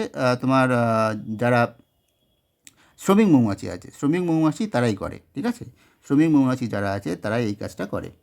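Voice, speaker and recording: A man teaching, working through exam question answers step by step, often pausing, correcting himself and checking that students follow. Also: mid-range voice, darkish tone. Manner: explains step by step, checks in with "ঠিক আছে?"; frequent hesitations and self-corrections. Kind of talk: exam solution walkthrough.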